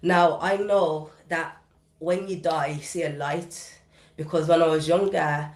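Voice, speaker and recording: Speaking a little slowly in a low, steady, darkish voice, a British woman tells a personal story as a guest recording artist on a podcast. Her retelling is vivid and intense yet casual, using casual dialect grammar. The recording is reverberant.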